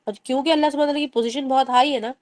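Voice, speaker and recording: A woman's voice: sits high, steady tone, a little mellow, dry recording. Woman teaching Quran recitation. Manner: explains in Urdu mixed with English, slow drawn-out Arabic recitation. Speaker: tajweed teacher. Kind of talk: online Quran recitation lesson.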